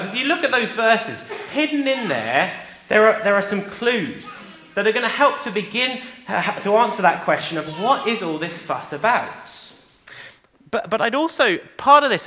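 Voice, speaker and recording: A man gives an interactive sermon for children. His voice sits high for a male speaker and has a bright, forward edge. He addresses the children directly, encouraging them and putting questions to them. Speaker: preacher leading a children's talk in church.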